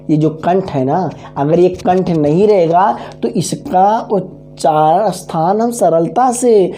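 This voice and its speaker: A man's voice: high voice, mellow, slight background noise. A man teaching an online exam-prep grammar lesson, drilling syllables and chanting memory formulas while checking that students follow. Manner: drills syllables slowly, keeps checking understanding; repeats mnemonic formulas aloud.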